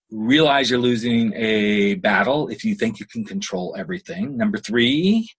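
A man's voice: mid-range voice, breathy edge. A man hosting a solo motivational podcast, talking to listeners in an emphatic, folksy, colloquial way with rhetorical questions and repetition. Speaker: podcast host and speaker.

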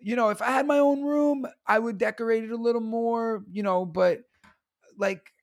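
Comic New teacher, 30s, raspy fry, punchy storyteller. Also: male voice, extremely high pitch, normal speed, no echo, studio quality. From United States. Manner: animated, laughing, acts out voices in his stories. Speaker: teacher and stand-up comedian, guest. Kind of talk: casual storytelling interview.

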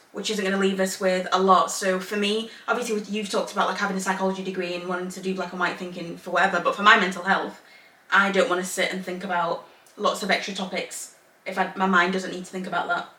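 Recorded in an echoey home room in Northern Ireland with a distant mic, this podcast co-host speaks briskly in a sharp, mid-range voice with little pitch movement. Born in Zambia and raised in England, she chats casually in long run-ons, laughing a lot.

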